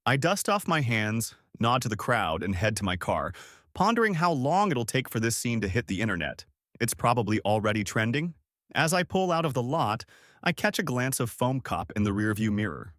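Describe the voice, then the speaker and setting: A man's voice: mid-range voice, very animated, normal speed, fairly bright tone, no room sound, clean studio sound. A man narrating a first-person story in a wry, sarcastic scripted style.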